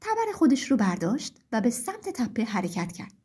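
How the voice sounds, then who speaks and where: A woman narrating a children's story in an expressive storytelling manner. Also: fairly high pitch, breathy edge.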